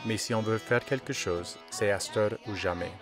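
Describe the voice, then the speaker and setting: A man's voice: on the low side, moderate pace, music in the background. A man, working as a reporter who narrates and interviews.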